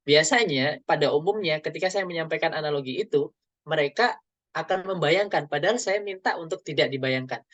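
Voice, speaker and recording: A man, a public speaking trainer giving a webinar talk and explaining step by step, often tagging his phrases with a soft "gitu ya". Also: a little high, dry recording.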